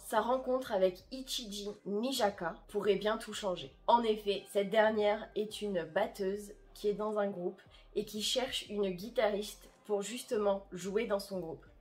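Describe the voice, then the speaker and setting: A woman's voice: medium pitch, a little mellow. Chatty woman presenting anime releases. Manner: chatty and self-deprecating, with frequent "euh" and "entre guillemets". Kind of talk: casual vlog, reading anime summaries.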